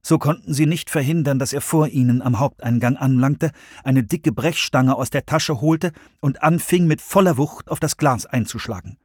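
A man reading a thriller audiobook in a measured storytelling manner. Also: medium pitch, darkish tone, husky, dry recording, clean studio sound. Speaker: audiobook narrator. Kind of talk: scripted narration.

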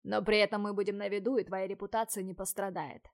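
Steady young guy captain, calm and protective, a bit teasing, woman reading him for an audiobook. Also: mid-range voice, fast, close to an everyday voice.

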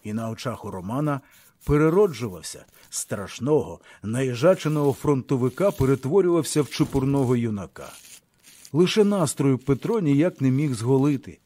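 A man narrating a literary audiobook in a measured, expressive way. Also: medium pitch, no room sound.

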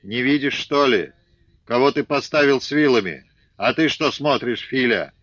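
A man's voice: mid-range voice, animated, normal speed, a bit bright, dry recording, highs cut off. Man voicing an indignant young peasant son.

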